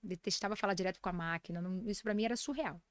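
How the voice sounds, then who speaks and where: With a Brazilian Portuguese accent and a mid-range voice, a woman in her 40s who works as a nutritionist and lecturer tells lively, fast stories during a casual podcast interview. The recording is studio quality with no echo.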